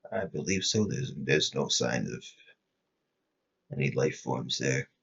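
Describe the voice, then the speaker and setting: A man playing a calm, supportive agency superior, speaking in a measured, reassuring way. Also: rumbling low, gravelly, breathy edge, highs cut off, voice pushed down, heavily acted. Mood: calm, consoling.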